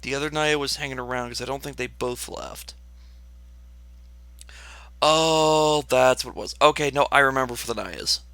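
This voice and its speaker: A man running a tabletop game as game master, unhurried, checking his notes and laughing easily. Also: medium pitch, bright, forceful tone, clear, resonant tone, dry recording.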